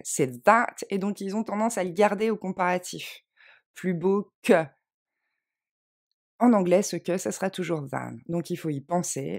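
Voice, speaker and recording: Gravelly-voiced woman teaching grammar. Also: fairly low pitch, darkish tone. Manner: clear, patient, spells out letters slowly. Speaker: English teacher. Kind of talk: French grammar lesson.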